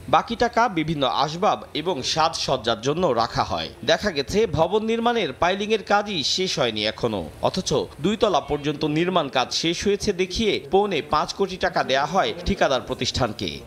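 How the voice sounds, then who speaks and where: A man's voice: a little high, fairly bright tone, slight background noise. A male news reporter reading a scripted investigative report expressively.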